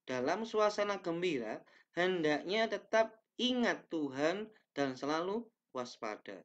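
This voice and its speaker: A man's voice: high-pitched, very animated, a little slow. A young man teaching a class, reading slides aloud with careful pacing and small self-corrections, in a small indoor room. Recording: dull lo-fi webcam audio.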